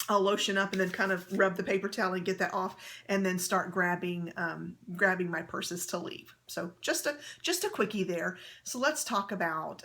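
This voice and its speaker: A woman's voice: medium pitch, fairly bright tone. Chatty woman vlogger with many fillers. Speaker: handbag vlogger. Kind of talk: casual how-to talk to camera.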